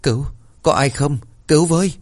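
A man voicing a coarse old village man who curses and boasts in a rough manner. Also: on the low side, animated, brisk, dry recording, studio quality, close to an everyday voice. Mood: panicked. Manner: rough, cursing.

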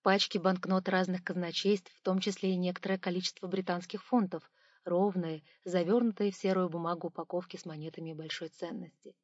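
A woman's voice: lowish voice, fairly quick, no echo. Audiobook narrator, woman, dry, slightly dull sound. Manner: expressive storytelling.

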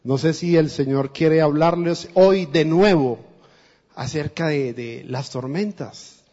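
A man's voice: on the high side, slow pace, warm tone. A man with a Colombian accent preaching a sermon as a guest preacher, speaking earnestly and directly to the congregation. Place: church. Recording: dull lo-fi recording in a reverberant church.

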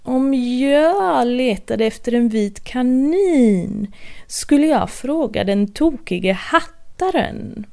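A woman reading a storybook, voicing a sly grinning male cat who speaks slowly and teasingly. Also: high voice, lively intonation, vocal fry, a little mellow. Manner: slow, drawn-out and teasing.

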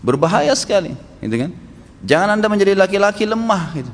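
A man's voice: high voice, animated, quick pace. A male Islamic preacher giving a stern, emphatic sermon. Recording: hall reverb with faint ambience.

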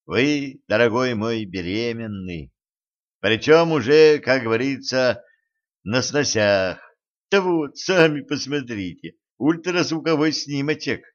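Guy reading a calm careful doctor, slow n hesitant, muffled audio. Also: medium pitch. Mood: calm, tactful. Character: calm, tactful, slightly guilty male doctor. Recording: dull lo-fi recording.

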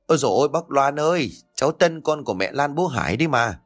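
A man voicing a cheeky young man, pleading and flattering in a quick, whiny way. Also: mid-range voice, faint music behind, voice pushed up, close to an everyday voice. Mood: whining.

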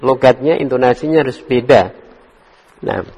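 A man teaching an Arabic class in a relaxed way, correcting his students. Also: medium pitch, normal speed, breathy edge. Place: study hall. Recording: dull echoey hall recording.

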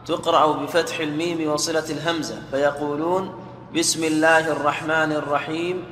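A man reading a classical text aloud to his teacher in a steady, formal way. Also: on the high side, fairly quick. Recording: echoey hall with faint noise.

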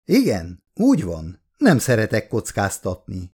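A man's voice: on the low side, huge pitch swings, a little mellow, husky, exaggerated voice. A man reading the lines of a haughty, wealthy woman who runs an expedition, in a cool, superior, clipped manner. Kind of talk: audiobook character reading.

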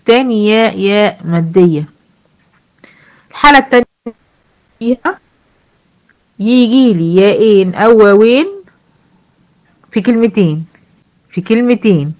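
A woman with an Egyptian accent teaching tajweed, explaining rules in casual speech and reciting verse examples slowly. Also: mid-range voice, expressive, a little mellow. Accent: Egyptian Arabic. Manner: asks students questions and answers them herself.

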